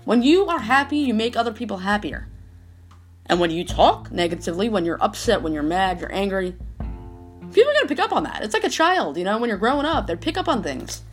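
Woman podcaster giving a pep talk, mid pitch, says like a lot, bit of music under it. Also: very animated, a little fast. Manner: emphatic, repeats herself, frequent "like". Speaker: podcast host. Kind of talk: casual motivational monologue.

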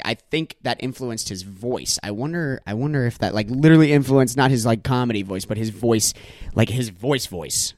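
A man's voice: medium pitch, dry recording, clean studio sound. A young man hosting a solo comedy podcast, doing exaggerated mock-angry rants laced with swearing. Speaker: podcast host.

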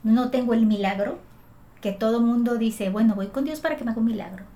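A woman from Mexico with a fairly high voice tells her story of faith in an earnest, emotional way. She circles back and restarts her phrases as she gathers her thoughts, speaking as a guest in conversation. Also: brisk, mellow. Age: adult mother. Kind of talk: heartfelt testimony in conversation.

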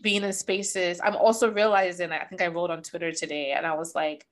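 A woman's voice: fairly low pitch, level tone, fairly quick. A woman hosting a podcast in a loose, candid conversation. She talks with easy expression, curses freely and laughs often. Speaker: podcast host.

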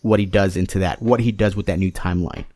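A man with a lowish voice talks in a loose, rambling way as a co-host in casual chat. He often restarts his sentences and leans on fillers. The recording is close and dry, with almost no room sound. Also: fairly even intonation, fast talker, mellow, no room sound. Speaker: podcast co-host.

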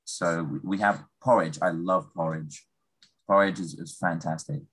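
A young man from England, acting as a conversation partner, chats casually and loosely about everyday habits, relaxed and rambling with fillers. His voice is low with a breathy edge and moves at normal speed, and the recording is low quality.

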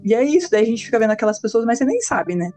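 A woman guest in a casual podcast chat, animated and telling stories. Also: fairly high pitch, faint music behind. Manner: rapid, animated, storytelling.

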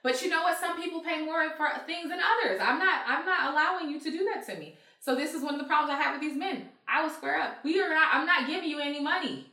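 A woman in casual conversation who tells her stories with energy, acting out heated back-and-forths and swearing freely. Her voice is bright and forceful. It rings in an echoey room, and she sits a little away from the mic. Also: high-pitched, quick pace, hardly any pauses, recorded from a distance. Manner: animated storyteller, acts out heated quotes, swears freely. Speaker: guest telling stories. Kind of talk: casual chat.

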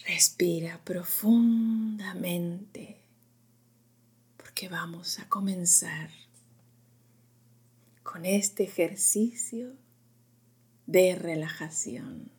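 Guiding a sleep meditation, a woman speaks in a lowish, very breathy voice that is soft and soothing, often dropping to a whisper. She talks extremely slowly, leaving long pauses between short phrases.

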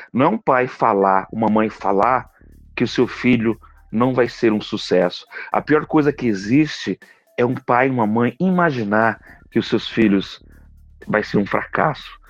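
A man's voice: mid-range voice, no room sound. A man with a Brazilian accent, a psychologist hosting a podcast, giving an earnest, folksy motivational monologue. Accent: Brazilian Portuguese. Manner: earnest, folksy, frequent "né" tags. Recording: dull, dry recording with faint music.

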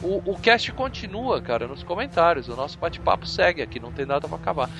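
A man's voice: a little high, quick pace, vocal fry, music in the background. A man hosting a podcast, chatting casually and joking with his co-hosts. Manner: animated, joking. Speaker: podcast host.

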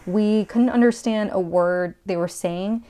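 A woman's voice: mid-range voice, a little slow, a loud crowd. A woman co-hosting a casual movie review chat, chatty with frequent "like" fillers. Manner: chatty, lots of "like" fillers, laughs often. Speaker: podcast co-host.

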